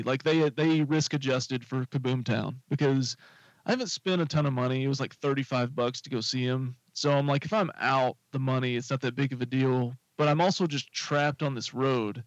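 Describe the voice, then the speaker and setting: A man's voice: medium pitch, moderate pace, dry recording. Man telling a rambling story, dull audio. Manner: rambling, animated anecdote with fillers. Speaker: podcast co-host telling a story. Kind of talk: casual storytelling chat.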